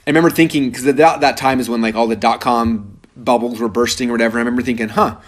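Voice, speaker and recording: An energetic man in his thirties hosts a live sales webinar, storytelling at a rapid clip. His delivery rambles, full of fillers and restarts, and his voice sits at an ordinary middle pitch. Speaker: webinar presenter.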